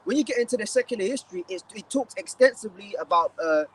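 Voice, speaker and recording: An emphatic London man lectures on a city street and reads scripture aloud. His voice is high and sits away from the microphone. Faint traffic murmurs behind him. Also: expressive, fast talker, a bit bright, distant mic, poor audio. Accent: London English. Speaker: street preacher. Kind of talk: outdoor sermon, scripture reading.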